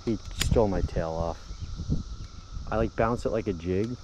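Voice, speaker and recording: Young man, fishing vlogger, excited, exclamatory, outdoors, faint crickets. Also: on the low side, normal speed, noisy background. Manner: excited, exclamatory, talks to viewers. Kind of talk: casual outdoor fishing vlog. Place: outdoors by a pond.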